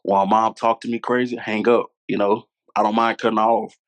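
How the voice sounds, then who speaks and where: Talking a little fast in a fairly low voice, this man keeps his delivery flat. He's a Louisiana native in his 20s guesting on a podcast, where he tells candid stories earnestly and circles back to his points for emphasis.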